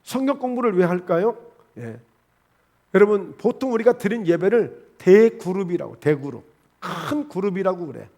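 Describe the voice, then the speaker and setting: A male pastor preaching a midweek sermon in a church, talking plainly to the congregation with many rhetorical questions and quick shifts between loud, emphatic lines and soft asides. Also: high-pitched, expressive. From South Korea. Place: church sanctuary.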